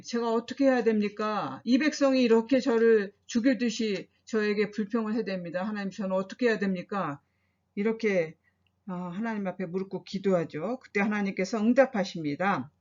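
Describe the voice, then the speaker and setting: A woman's voice: a little high, dull audio. A woman pastor giving a Bible study lecture, asking her listeners questions and acting out quoted complaints and prayers. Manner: asks listeners rhetorical questions.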